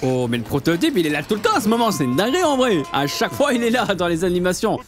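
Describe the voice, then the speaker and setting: A man's voice: high-pitched, big pitch swings, quick pace, faint music behind. A young man with a French accent reacting to animations in slangy, exclamatory casual commentary. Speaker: reaction video host.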